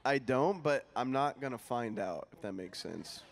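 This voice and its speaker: A man's voice: mid-range voice, normal speed, vocal fry. A man in his twenties co-hosting a podcast live on stage, asking the guests playful questions into a handheld mic. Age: 20s. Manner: lively, asks playful questions. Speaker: podcast co-host. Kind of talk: casual chat on a live stage. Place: convention stage before a live audience.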